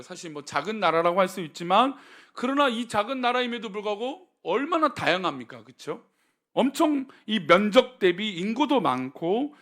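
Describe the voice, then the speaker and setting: Animated male pastor preaching with lively pitch. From Seoul. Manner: animated storytelling with humor and rhetorical questions. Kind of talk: sermon.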